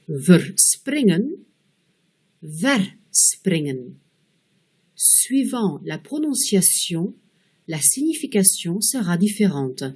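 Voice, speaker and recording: Slow, careful woman teaching pronunciation. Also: medium pitch, warm tone. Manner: clear step-by-step explaining, slowing down to model example words. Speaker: language teacher.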